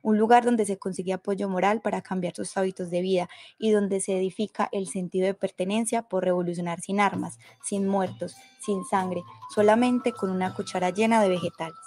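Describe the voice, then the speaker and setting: A woman reading scripted documentary narration in a measured, formal way. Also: mid-range voice, steady tone, a little mellow, soft background music.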